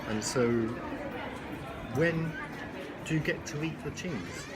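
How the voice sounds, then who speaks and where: A man's voice: a little high, slow, very noisy. An older man with an English accent chatting casually, asking lots of questions and laughing easily. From England. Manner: laughing, curious, asks many questions. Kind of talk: casual chat. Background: loud music and crowd.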